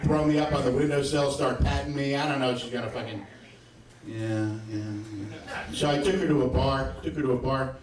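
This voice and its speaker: A man's voice: mid-range voice, flat delivery, fast, a crowd in the background. Stand-up comic, male, fifties, crude and rambling, heard from back in a roomy club. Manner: crude, rambling, with frequent asides to the audience. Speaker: stand-up comedian. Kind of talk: live stand-up set. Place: comedy club stage. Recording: roomy, distant club recording.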